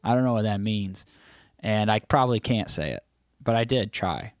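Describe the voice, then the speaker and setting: A man on a casual livestream reads his viewers' comments aloud and teases them, talking in a rambling way with many restarts. His lowish voice is expressive and moderately paced. The audio is studio quality with no room sound.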